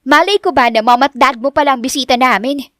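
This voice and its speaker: A woman's voice: high voice, dry recording, studio quality, pitched above the performer's own voice. A woman voicing an outspoken, bubbly young woman who speaks eagerly, read as an audiobook character. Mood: pleading. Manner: eager and bright, quick to exclaim.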